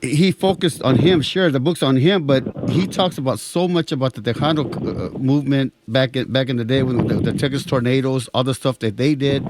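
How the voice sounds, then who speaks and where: A man's voice: mid-range voice, background noise. A man hosting a casual radio interview, chatting loosely and stumbling over his words. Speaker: radio host.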